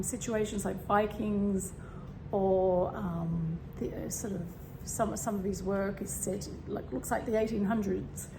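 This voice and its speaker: A spiritual vlogger talks casually in a home room, her croaky, mid-range voice relaxed and meandering, full of fillers and throat clearing. A fan runs the whole time, leaving a steady hum behind her.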